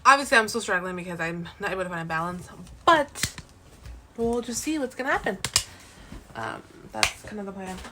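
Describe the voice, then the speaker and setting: Young woman with a raspy morning voice. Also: mid-range voice, very animated, a little fast, background noise. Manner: rambling, many fillers and restarts. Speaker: vlogger. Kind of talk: casual vlog chat. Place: at home, indoors.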